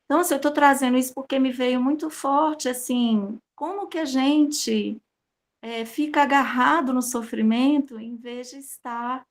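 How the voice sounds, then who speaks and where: Woman recounting something personal, lots of pauses n fillers, kinda high voice. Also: steady tone. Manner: hesitant storytelling, many fillers. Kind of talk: personal account in group discussion.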